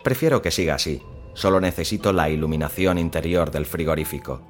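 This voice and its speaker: Very low male narrator, measured suspense reading, soft music under it. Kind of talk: first-person story narration.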